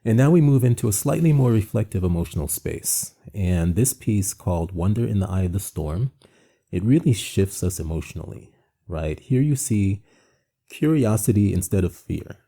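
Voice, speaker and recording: This Jamaican man hosts and founded an art show, and he presents it in a conversational, reflective, earnest way, often going off on asides. His voice is fairly low and dark with vocal fry, expressive, and moderately paced.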